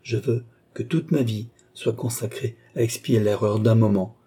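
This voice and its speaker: A man's voice: mid-range voice, fairly even intonation, normal speed, dark tone, husky. A man reading an audiobook, voicing a remorseful young man who pleads with earnest intensity. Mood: pleading. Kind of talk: audiobook character voice.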